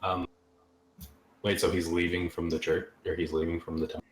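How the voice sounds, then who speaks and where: A man with a low-pitched voice talks casually as a tabletop game player. The recording is roomy and echoes around his words. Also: level tone, fairly quick. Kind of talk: casual chat.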